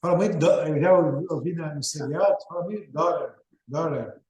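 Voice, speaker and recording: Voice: mid-range voice, fairly quick, dark tone. A man taking part in an English class, adding remarks about American pronunciation. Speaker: student. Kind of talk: casual class participation. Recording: roomy sound from far off the mic.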